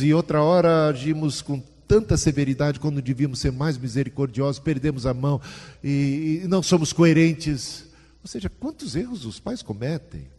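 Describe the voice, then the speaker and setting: A man's voice: on the high side, a little mellow, big-room sound. A man preaching a sermon in a conversational way, often asking the congregation questions. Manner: conversational, asks the audience questions.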